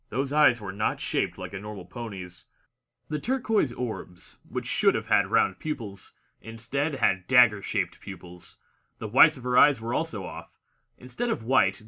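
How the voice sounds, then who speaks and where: This is a man narrating a scripted story in dramatic audiobook style. His pitch is average for a man, and his tone is forceful and bright.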